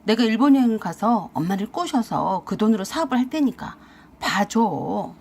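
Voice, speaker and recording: A woman's voice: medium pitch, animated, normal speed, creaky, a little mellow, husky. A woman voicing a lazy, scheming husband who wheedles and defends himself in a radio-drama story reading. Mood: wheedling.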